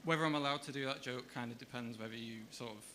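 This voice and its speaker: A man doing stand-up comedy on a comedy club stage, with a deadpan, hesitant delivery. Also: medium pitch, quick pace, background noise.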